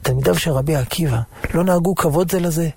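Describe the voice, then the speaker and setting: Gravelly preacher man telling stories. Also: fairly high pitch, dry recording. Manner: lively storytelling, acting out voices. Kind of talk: sermon with storytelling.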